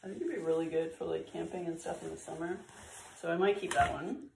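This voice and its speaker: Talking fast with vocal fry in a fairly low voice, a middle-aged or older vlogger goes through found clothes, chatty and relaxed, using lots of fillers and sounding slightly stuffed up from a cold. She's indoors in a bright room with bare walls, and the camera a few feet off gives roomy, somewhat distant sound with background noise.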